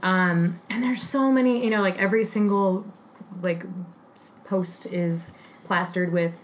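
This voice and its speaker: A woman's voice: medium pitch, a little slow, a little hiss or hum, poor audio. A woman talking as a guest on a casual podcast, chatty with many ums and likes. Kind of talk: casual chat.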